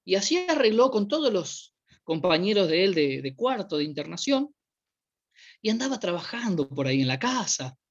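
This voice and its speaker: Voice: medium pitch, moderate pace. Argentine preacher telling a funny church story, mid voice, quotes people in the story, kinda muffled lo-fi audio. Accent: Argentine Spanish. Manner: anecdotal, animated retelling with voiced quotes. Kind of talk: storytelling sermon. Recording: dull lo-fi recording.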